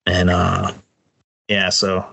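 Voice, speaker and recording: A man co-hosting a podcast in casual chat, relaxed and agreeable, with lots of fillers and restarts. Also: low-pitched, very slow, creaky. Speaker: podcast co-host.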